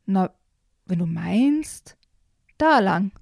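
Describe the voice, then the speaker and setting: Woman doing a know-it-all storybook hawk, cheeky, higher pitched, mellow tone, dry close sound. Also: expressive, moderate pace, no room sound. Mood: resigned. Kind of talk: storybook reading aloud.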